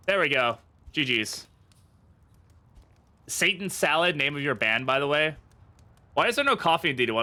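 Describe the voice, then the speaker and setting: A game streamer with an American accent, born in England and raised in the United States, gives casual, chatty live commentary, joking and muttering to himself as he talks to chat. His voice is medium-pitched with a sharp tone.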